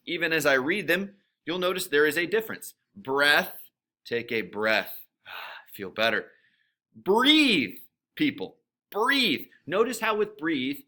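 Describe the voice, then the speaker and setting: A man's voice: medium pitch, sharp tone. A man teaching a recorded grammar lesson to his students, playful and jokey, stressing words with emphasis.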